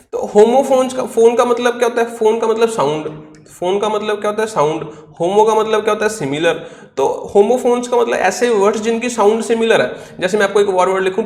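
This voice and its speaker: High-voiced man teaching vocabulary. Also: roomy sound. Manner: explains step by step, asks questions and answers them himself; spells words out letter by letter. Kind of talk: online class lecture in Hindi.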